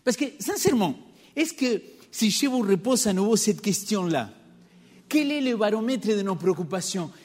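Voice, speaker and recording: A man's voice: high voice, very animated, moderate pace, a little mellow. A man with a noticeable accent preaching a sermon to his congregation in a church, engaging listeners with rhetorical questions. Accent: non-native French accent. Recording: long reverb of a church hall.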